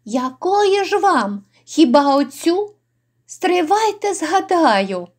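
A woman's voice: very high voice, big pitch swings, slow, voice pushed up, exaggerated voice. A woman voicing a frightened, cringing old male innkeeper who pleads and wails. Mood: pleading. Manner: pleading, wailing.

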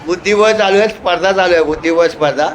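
A man's voice: sits high, quick pace. A man with a Mumbai Marathi accent, filming a family weekend vlog, chatting, teasing and laughing often. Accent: Marathi-speaking Mumbai. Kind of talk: casual handheld vlog narration. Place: villa rooms full of family. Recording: noisy crowded room.

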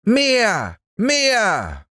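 A man voicing a demanding, greedy little boy who shouts insistently for more. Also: wildly swooping pitch, extremely slow, dry recording, clean studio sound, exaggerated voice. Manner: shrill and insistent.

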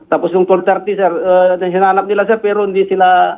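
A man's slightly high voice comes through a tinny, narrow phone line. He reports as a police investigator, halting and searching for words. He adds a deferential "sir" to nearly every phrase. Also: little pitch movement. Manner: deferential, says "sir" constantly, halting with fillers.

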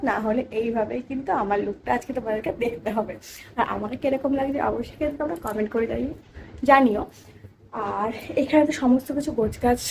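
A young woman from West Bengal with a Bengali accent, chatting casually in a home vlog and keeping her voice low so a sleeping child stays asleep. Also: dark tone, a little hiss or hum. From West Bengal, India. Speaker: vlogger.

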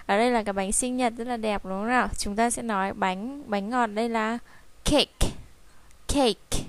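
A woman with a Vietnamese accent teaching English to young children, repeating each word slowly and clearly. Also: on the high side, slight background noise. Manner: drills English words slowly, repeating each one several times. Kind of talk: slow, clear classroom teaching.

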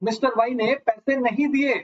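A man's voice: very high voice, fairly even intonation, normal speed. A man teaching a live online lecture, asking his students question after question and calling them sir. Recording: slightly dull lo-fi audio.

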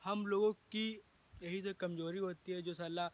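A young adult man vlogs outdoors at a farm house, joking and talking straight to a phone selfie camera held at arm's length in casual narration. His voice is high-pitched with fairly even intonation and a slightly slow pace. There is slight background noise.

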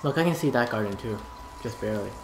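A woman's voice: very deep voice, animated, fast talker, roomy sound, noisy background. A woman playing a co-op video game at home, chatting casually and playfully humming little sound effects. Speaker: co-op gameplay player. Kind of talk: casual gameplay chat.

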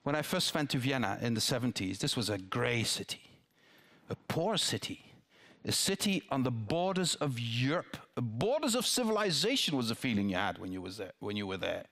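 A very animated older man from the Netherlands, a politician, takes audience questions on a theatre stage through a headset mic during a town-hall dialogue. His voice is medium-pitched and a bit bright, at normal speed. He's thoughtful, with restarts and asides along the way.

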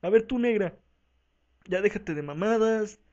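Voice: mid-range voice, unhurried, darkish tone, highs cut off. A speaker with a Mexican accent doing a rowdy, profane comic parody dub of a talk show, voicing every part and switching between voices. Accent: Mexican Spanish.

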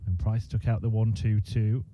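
A man giving measured, analytical darts commentary in short phrases. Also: lowish voice, fairly even intonation, over loud music. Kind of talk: sports commentary. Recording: dull, noisy commentary feed.

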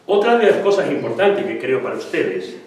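A man's voice: on the high side, big pitch swings, normal speed, a little mellow. A man giving a live lecture on singing, explaining patiently and repeating syllables to demonstrate. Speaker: guest lecturer on singing technique. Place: lecture hall. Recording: echoey hall, distant mic, faint noise.

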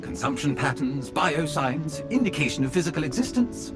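A man's voice: a little high, sing-song, moderate pace. A man voicing a polite male butler robot in a video game, formal and deferential, who speaks to his master in the third person. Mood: prim. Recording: game music underneath.

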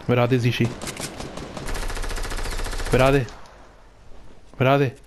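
A man chatting and swearing excitedly while playing a shooter game with a friend. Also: mid-range voice, measured pace, noisy background. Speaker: gamer. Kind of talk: casual gaming chat with friend.

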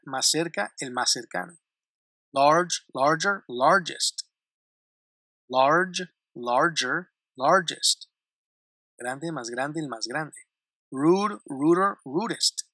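Bright-voiced man teaching grammar. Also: fairly high pitch, no room sound, studio quality. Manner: repeats word lists slowly and clearly, with light laughs. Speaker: English teacher. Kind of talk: grammar lesson explaining English to Spanish speakers.

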